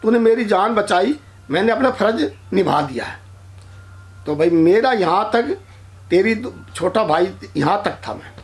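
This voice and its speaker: A man's voice: high voice, animated, measured pace. Man doing a folk-tale frog posing as a boy, earnest and loyal.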